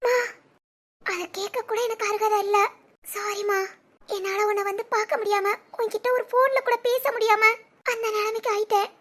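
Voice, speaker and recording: A woman voicing a remorseful middle-aged mother in a cartoon, speaking softly and apologetically. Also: very high-pitched, level tone, normal speed, pitched below the performer's own voice. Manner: soft, apologetic.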